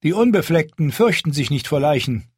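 A man voicing a young, proud and stubborn queen in an audiobook, speaking firmly with a raised pitch. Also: lively intonation, moderate pace, breathy edge, dry recording, studio quality. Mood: resolute. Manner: raised pitch, firm commanding delivery. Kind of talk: audiobook character voice.

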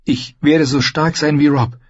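A man's voice: fairly high pitch, fairly even intonation, unhurried, breathy edge, dry recording, pitched above the performer's own voice. A man voicing a fierce, determined young girl in a storybook reading. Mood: urgent, determined. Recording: dull lo-fi recording.

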